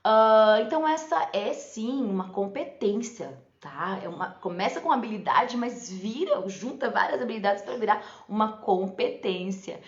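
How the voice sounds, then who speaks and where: A woman's voice: mid-range voice, lively intonation, normal speed, hardly any pauses. A woman teacher giving a casual live talk on teaching for parents and teachers, chatty and often checking in with "né?". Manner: chatty, often adds "né?" and laughs. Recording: echoey room, slightly dull lo-fi sound.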